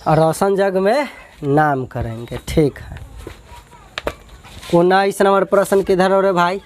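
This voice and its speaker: A man teaches an exam-prep math lesson, checking each step aloud and asking his pupils whether they follow. His voice sits a little high for a man. A faint background noise runs under the recording. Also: takes it slowly. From Bihar, India. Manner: addresses students as "my brave ones, my lions", drills and asks back.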